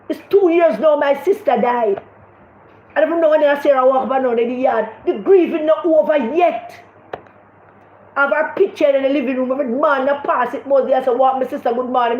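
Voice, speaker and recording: A Jamaican woman with a high voice giving livestream commentary, talking with passion and circling back over her words as she hunts for them. She sounds like she is in an echoey room, and the recording comes across slightly dull and muffled. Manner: impassioned, repeats words when searching. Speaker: political commentator.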